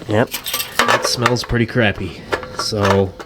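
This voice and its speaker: A man's voice: lowish voice, steady tone, slow pace, very noisy. A worn-out, congested man talking offhand about fixing a minibike in his garage, with dry jokes. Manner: tired, offhand, dry joking. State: tired and congested from allergies. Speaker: channel host. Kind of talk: casual garage vlog. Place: home garage.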